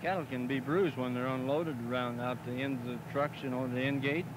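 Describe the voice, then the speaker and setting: A middle-aged Missouri man, a packing plant representative for a farmers group, is interviewed on film outdoors beside a cattle pen. He speaks plainly at a mid pitch, often stopping with "uh" and tag questions like "see?". The interviewer's handheld mic captures him, with steady noise on the old 16mm film sound.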